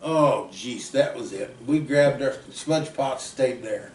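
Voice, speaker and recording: A man, telling folksy stories in a rambling, casual way that trails off softly. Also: mid-range voice, slow pace. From southeast Kansas. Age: 70s. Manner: folksy, drifting, trails off quietly at ends. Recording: roomy, distant mic, faint background noise.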